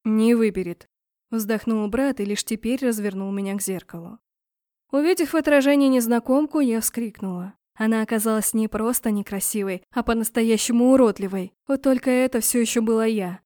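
Higher-voiced woman narrating a story. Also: brisk, mellow, no echo, studio quality. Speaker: audiobook narrator. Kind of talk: first-person storybook narration.

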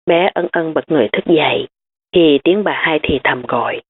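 A woman reads a novel aloud in a low voice, voicing every part herself without changing much. The sound is thin and tinny, like a phone line. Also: normal speed, husky. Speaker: audiobook narrator. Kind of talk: scripted narration.

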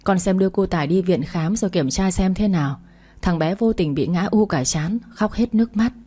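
A woman reading an older mother-in-law who dotes on her grandson and keeps pressing her point. The voice is low and mellow, delivered in a fretful, insistent way. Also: normal speed, husky. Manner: fussing, insistent.

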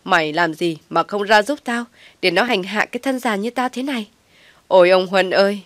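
A woman voicing a bitter, bossy old mother-in-law who scolds and wails loudly. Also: mid-range voice, moderate pace, dry recording, natural voice. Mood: wailing. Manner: scolding, wailing.

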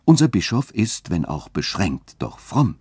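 A man reading a story aloud and voicing a scheming, smooth-talking church dean who shifts between insistence and soft coaxing. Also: on the low side, very animated, a little slow, no echo, clean studio sound, exaggerated voice. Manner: insistent, then softly coaxing. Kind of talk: literary reading.

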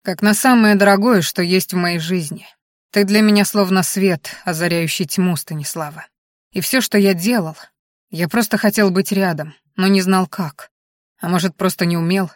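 A woman's voice: fairly low pitch, steady tone, normal speed, dry recording. A woman narrates an audiobook in first person, reading evenly and steadily. Her voice sits mid-range, recorded close and dry with no room sound.

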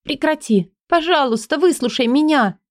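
A woman voicing a torn young woman in an audiobook, speaking high and breathless as she pleads. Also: expressive, normal speed, no echo, studio quality. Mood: frightened protest.

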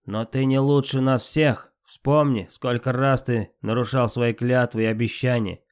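Reading an audiobook, a man with a medium-pitched, steady, clean and natural voice speaks a little slowly. He plays a spiteful, insolent male trickster god of fire who answers back with scorn, sounding defiant and mocking.

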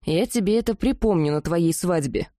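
Picture a woman giving voice to a cheerful young bride who teases her best friend, playful and quick to joke. Her tone is warm and soft. The recording is dry and close. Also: lowish voice, expressive, dry recording, natural voice. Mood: teasing.

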